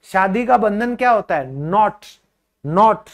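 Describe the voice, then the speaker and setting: A man gives an unhurried video lesson on pronunciation. He takes his time and says each word twice for the learner. He talks to his viewers fondly, as if they were his own pupils. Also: high voice, expressive. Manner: patient explaining with repeated drilled words; addresses viewers as children and friends. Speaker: English pronunciation teacher.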